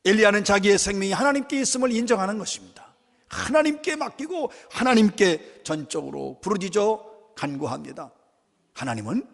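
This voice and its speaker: High-voiced pastor preaching in a reverberant church. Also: male voice. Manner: fervent preaching that acts out quoted prayers. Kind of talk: sermon. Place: church sanctuary. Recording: long reverb of a church hall.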